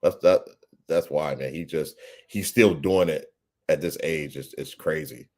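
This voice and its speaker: A man co-hosting a podcast, chatting casually about sports, laid-back and quick to laugh, often repeating his words. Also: very deep voice, dark tone. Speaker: podcast co-host.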